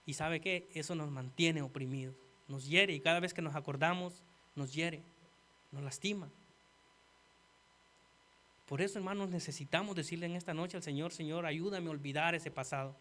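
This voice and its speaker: A man preaching a sermon earnestly, talking straight to the congregation and swinging from quiet asides to loud emphasis. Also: a little high, normal speed, pauses often. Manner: earnest, addresses listeners as "hermano".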